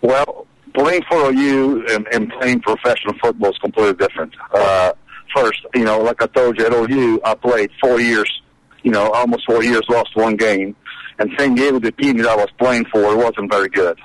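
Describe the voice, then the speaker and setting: A Brazilian man in his sixties with a Brazilian Portuguese accent, a former college kicker, recalls his playing days as a guest in a casual interview. He halts often, repeating and restarting, in a mid-range, steady voice. The recording is dry and low quality.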